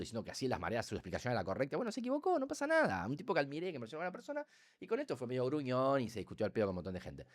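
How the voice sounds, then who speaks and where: Fast, animated Rioplatense man. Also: medium pitch. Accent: Rioplatense Spanish. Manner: animated, rapid and talkative, with sound effects and acted-out quotes. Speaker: neuroscientist guest. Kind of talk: casual podcast explanation.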